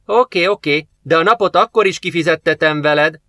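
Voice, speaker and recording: A cocky young mechanic of barely twenty, pitched well above the reader's usual voice and pushed louder, as a male narrator puts him on. He sounds protesting and eager, in a dry, close audiobook reading. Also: dry recording.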